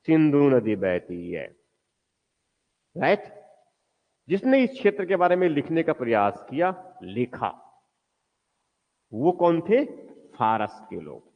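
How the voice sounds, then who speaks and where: A male teacher giving a history lecture in a classroom, asking the class questions and answering them himself, often repeating key words slowly for stress. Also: fairly high pitch, sing-song, in a large hall, muffled recording.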